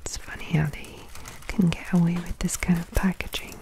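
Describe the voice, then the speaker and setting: A woman whispering softly and breathily in a slow, gentle, chatty ASMR style, with crinkling packaging behind her. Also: lowish voice, little pitch movement. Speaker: ASMR video host. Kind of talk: soft-spoken whispered ASMR. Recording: close mic with crinkling plastic packaging. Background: crinkling packaging sounds.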